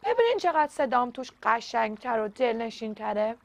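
A woman's voice: on the high side, big pitch swings, creaky. A woman voicing a vain, boastful crab in a children's storybook, showing off. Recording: dull lo-fi recording.

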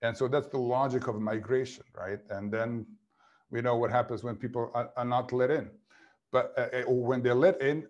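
A middle-pitched man in his fifties talks over a video call from a book-lined home office, computer mic. He builds his points slowly in long, reflective sentences, like an author on a panel. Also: a little mellow. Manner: thoughtful, builds ideas in long clauses. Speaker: author guest.

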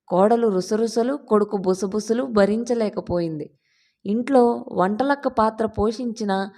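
A woman narrating an audio story in a steady storytelling reading. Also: mid-range voice.

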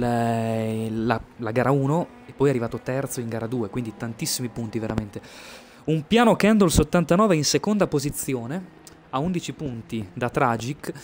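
A streamer and esports race commentator gives casual live sim racing commentary, hesitating and repeating words as he goes. His voice is medium-pitched and a little mellow, with slight background noise.

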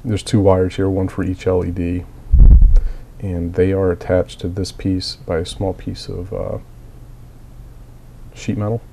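Unhurried and pausing often, a man speaks with a low, gravelly voice and flat delivery over a noisy background. The speaker, a miniature hobbyist recovering from a cold, coughs at times while methodically and plainly explaining a hobby build in a casual tutorial heavy with fillers.

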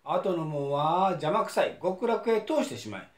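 A man voicing a pompous, gruff male king of hell who scolds impatiently in a Kansai accent. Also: fairly high pitch, big pitch swings, normal speed, echoey room. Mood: stern.

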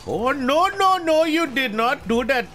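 Panicking male gamer, very high-pitched yelling. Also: expressive, unhurried, slight background noise. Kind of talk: gameplay banter with a friend.

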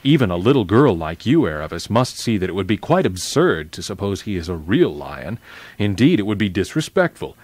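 A man's voice: low-pitched, big pitch swings, brisk, a little mellow, no room sound, voice pushed down. A man voicing a proud, pompous male talking horse in a children's story read aloud, lecturing in a lofty way. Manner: lofty and lecturing, breaking into panic. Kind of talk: reading a children's novel aloud.

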